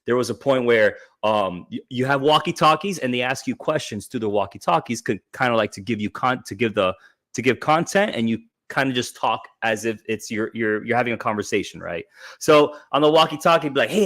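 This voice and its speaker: A man co-hosting a casual chat podcast, animated and prone to quick restarts. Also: mid-range voice. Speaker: podcast co-host.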